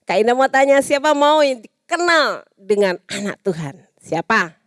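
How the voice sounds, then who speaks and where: Animated Indonesian woman teaching kids. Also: fairly high pitch, moderate pace, no room sound, clean studio sound. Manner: patient, animated, talking to young children. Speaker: Sunday school teacher. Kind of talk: children's church lesson.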